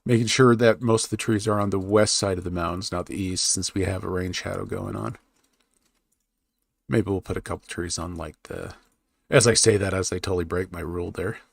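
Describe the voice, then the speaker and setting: In a steady tone and at a slightly fast pace, a low-voiced, gravelly man talks casually to his live stream while working on a map. He murmurs to himself, then speaks up to chat; the audio is close with no room sound, and keyboard and mouse noises play behind him.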